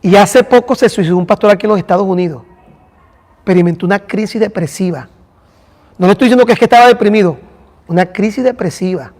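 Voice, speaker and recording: A man's voice: high-pitched, fast, darkish tone, big-room sound. A man, a pastor teaching a church class and talking directly to listeners by name. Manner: addresses listeners by name, conversational.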